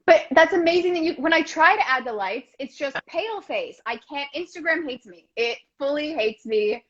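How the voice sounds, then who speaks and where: A woman in her thirties chats as a guest over a video call, effusive and gushing as the words tumble out in rushes. Her voice sits a bit high, and the call audio comes through dull and lo-fi. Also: animated, fairly bright tone. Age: 30s. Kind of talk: casual video chat.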